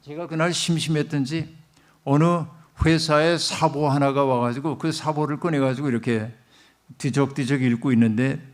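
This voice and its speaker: A man's voice: fairly high pitch, fairly even intonation, normal speed. Middle-aged male pastor preaching a sermon. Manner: storytelling, addressing the congregation directly.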